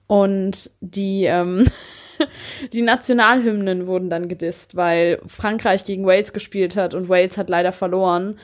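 A woman's voice: mid-range voice, unhurried. A young adult woman chatting casually and humorously as a podcast host, telling stories in German peppered with English words. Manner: animated storytelling, mixes in English words.

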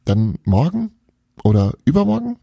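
A man's voice: low voice, expressive, normal speed, warm tone, breathy edge, no room sound, studio quality, full character voice. A man doing a cheeky, teasing storybook girl. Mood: insistent. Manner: playful, teasing, insistent. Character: cheeky girl with wild tales. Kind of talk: storybook reading.

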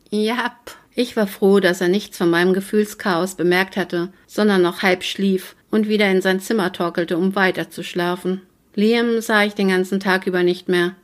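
A woman narrating a romance novel in the first person, in a steady, even storytelling manner. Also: mid-range voice. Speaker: audiobook narrator.

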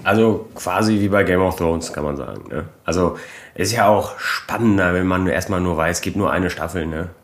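A man with a very deep voice co-hosting a casual podcast. He talks in a laid-back way and keeps tagging his lines with little questions to his co-host. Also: normal speed. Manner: laid-back, tags sentences with "ne?". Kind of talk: casual chat.

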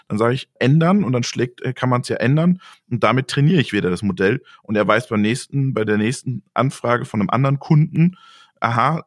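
A man's voice: medium pitch, gravelly, no room sound, studio quality. A man hosting the conversation, asking curious questions and affirming. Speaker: host. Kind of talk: casual interview questions.

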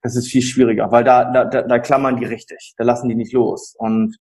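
A man who runs a care service, talking about end-of-life care in an animated conversation. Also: medium pitch, fairly quick, breathy edge. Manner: animated storytelling, acts out quoted people. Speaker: palliative care service provider. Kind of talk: conversational interview.

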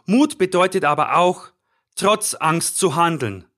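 A middle-aged man with a fairly high voice delivers a scripted motivational podcast talk as a life coach. He speaks directly to the listener, earnest and encouraging. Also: lively intonation, measured pace, pushed and bright.

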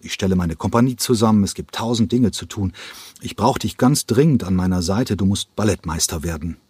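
Brief: man playing a driven ballet director in an audiobook; emphatic, impatient, a touch raised and husky. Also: sits low, a little fast, a little mellow, no echo. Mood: urgent, pleading. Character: driven male ballet director, urgent and persuasive. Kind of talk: audiobook reading.

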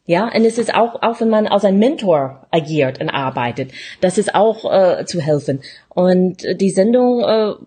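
A middle-aged woman from the USA speaks German with a clear American accent. Her voice is a little husky, and as a native English speaker she phrases her casual interview stories haltingly, with small grammatical slips. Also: lowish voice, animated, mellow. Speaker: interview guest, radio show host. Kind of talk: casual personal storytelling in an interview.

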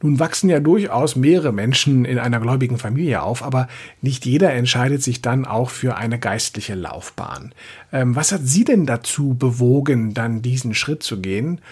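Male podcast host with a slightly raspy voice, calm and courteous when asking questions. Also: mid-range voice. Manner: measured, polite questioning. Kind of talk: podcast interview.

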